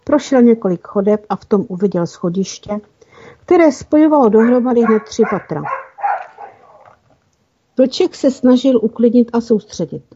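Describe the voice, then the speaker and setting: A woman narrating a children's fantasy story in an even, careful reading style with small slips. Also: fairly high pitch, long pauses, slightly rough. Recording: dull lo-fi recording.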